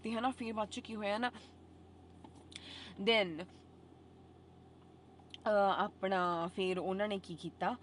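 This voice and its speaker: A young woman vlogger telling her own story casually, swinging between loud outbursts and quiet asides, with English phrases mixed in. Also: medium pitch, steady tone, slow pace, long pauses, slight background noise.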